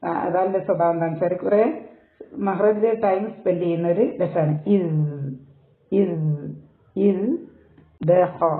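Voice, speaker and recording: Guy teaching quran recitation, high voice, goes slow and stretches the arabic, tinny phone-line sound. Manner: explains step by step, slowly stretching out Arabic recitation. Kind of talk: Quran recitation and tajweed lesson.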